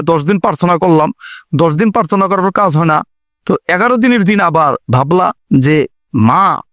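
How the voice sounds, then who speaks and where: Man, young adult, personal testimony, hesitant fillers, slightly high voice, dry close sound. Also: no echo. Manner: earnest, halting storytelling with many fillers. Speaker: convert telling his story.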